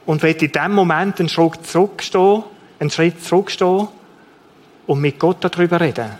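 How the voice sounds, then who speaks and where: Male preacher with a Swiss German accent, somewhat high-pitched, delivering an earnest sermon and repeating his key phrases. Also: normal speed.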